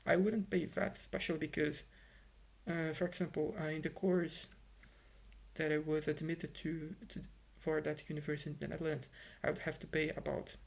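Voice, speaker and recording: At home in Ireland, a young Brazilian man records a casual vlog monologue in English with a Brazilian accent, Portuguese being his first language. His voice sits on the high side and is creaky, with little pitch movement and normal speed, as he rambles in frustration with fillers and restarts.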